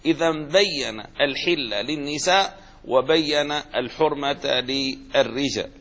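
A man's voice: medium pitch, slow pace. A man giving a classical religious lesson, reading passages from a book and explaining them with frequent fillers and restarts. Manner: reads quoted text louder, then explains with fillers and restarts. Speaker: sheikh teaching a hadith commentary.

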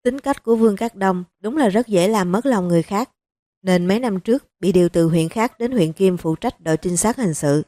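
A woman narrating a crime novel in a steady, even storytelling manner. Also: mid-range voice, fairly quick, no echo. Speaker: audiobook narrator.

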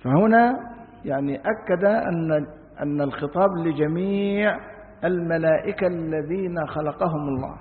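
An Egyptian sheikh gives a religious lesson, reading classical lines and then explaining them casually with questions to his listeners. His voice is high. The sound is thin and phone-like, with a long hall echo behind it. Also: moderate pace. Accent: Egyptian Arabic. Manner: reads classical passages, then explains in colloquial speech with rhetorical questions. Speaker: sheikh teaching Quran commentary.

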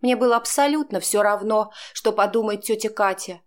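A woman's voice: medium pitch, normal speed. A woman narrating a first-person novel as an audiobook, in an emotional, dramatic reading.

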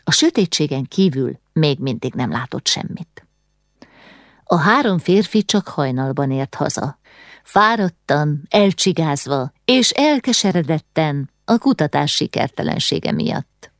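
A woman narrating a novel as an audiobook in a steady, measured way. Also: low voice, no room sound, clean studio sound.

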